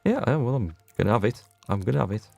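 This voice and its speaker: With big pitch swings and vocal fry, a gaming streamer's fast, mid-range voice carries a darkish tone as he gives casual let's-play commentary. He's chatty, reading and answering viewer messages as he plays, and there's slight background noise.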